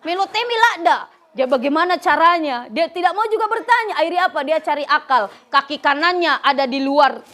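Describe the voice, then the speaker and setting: A middle-aged woman preacher from West Java giving a humorous religious lecture, telling stories lively and laughing often. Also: high voice, a little fast. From West Java, Indonesia. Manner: lively storytelling, acting out characters, frequent laughter. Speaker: female Islamic preacher.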